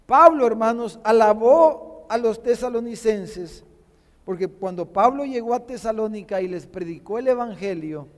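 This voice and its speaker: A man's voice: high voice, lively intonation, normal speed, in a large hall. A man preaching a sermon to his congregation, often calling them brothers and repeating words as he builds a point. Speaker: pastor. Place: church sanctuary.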